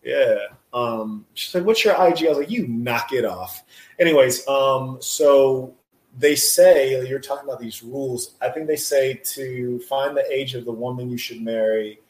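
A man hosting a loose chat show, slangy and playful, often breaking into laughter. His voice sits at an ordinary middle pitch, and the room around him rings with echo. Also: a little slow. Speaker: podcast host. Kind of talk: casual chat. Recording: echoey room.

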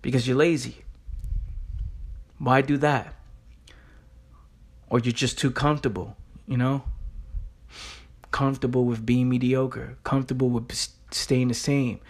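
A young adult motivational speaker with a medium-pitched voice and little pitch movement speaks at a measured pace, leaving long pauses. His informal monologue is blunt, streetwise and emphatic, punctuated by rhetorical questions and casual swearing.

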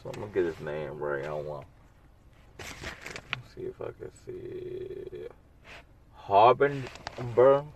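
Slow-talking, sarcastic man on a podcast. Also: low-pitched, very animated, slight background noise. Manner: rambling, sarcastic, blunt with slang. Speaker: podcast host. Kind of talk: casual solo podcast monologue.

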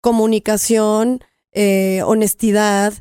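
A Mexican woman hosting a podcast, speaking in a supportive way, often pausing with fillers. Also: mid-range voice, level tone, warm tone, clean tone, dry recording, studio quality. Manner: supportive, hesitant, with many fillers. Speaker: podcast host. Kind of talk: casual podcast chat.

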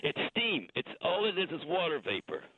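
A man's voice: fairly high pitch, very animated, moderate pace, slightly rough, dry recording. A man in his eighties calling in to a radio show over the phone, rambling and chuckling as he talks. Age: 80s. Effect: caller heard over a phone line. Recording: tinny phone line, dry.

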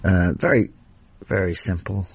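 A man with a lowish voice rants bluntly on his podcast, swearing freely. The sound is dry and close, with no room around it. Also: a little slow, creaky, husky, no room sound. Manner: profane, blunt, angry ranting. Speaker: podcast host. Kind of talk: casual rant and interview.

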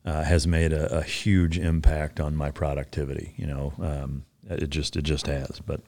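Very deep male podcast host, laid-back and blunt, dry close sound. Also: flat delivery, moderate pace, darkish tone, no echo. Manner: laid-back, frequent fillers, blunt and profane. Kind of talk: casual interview chat.

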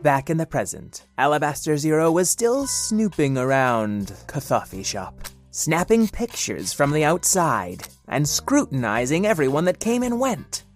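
A narrator tells a comedic story with patient, bemused calm, putting up with the interruptions. The voice sits at a medium pitch, with light music underneath. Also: a little slow.

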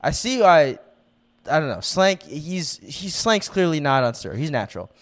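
A man's voice: on the high side, very animated, normal speed. A young man co-hosting a casual podcast, joking around and laughing often. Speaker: podcast co-host. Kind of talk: casual chat.

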